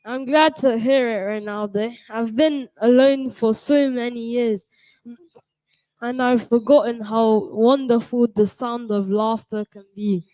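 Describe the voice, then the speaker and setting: A woman playing a lonely elderly male inventor, speaking slowly and kindly in a school puppet play. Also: a little high, fairly even intonation, warm tone, no room sound, lightly acted, low-quality recording. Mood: gentle. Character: lonely old male inventor, gentle and kind.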